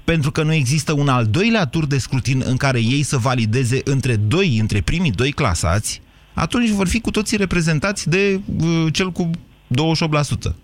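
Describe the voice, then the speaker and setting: A man hosting a call-in radio debate, pressing callers with direct questions. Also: a little high. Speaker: radio talk show host.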